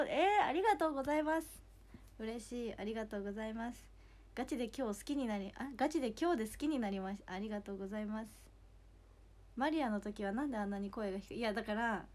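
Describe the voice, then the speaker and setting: A young woman with a hoarse voice, chatting casually on a livestream, giggling and thanking viewers by name. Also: a little high, darkish tone. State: hoarse after two shows. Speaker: idol livestreamer reading fan comments.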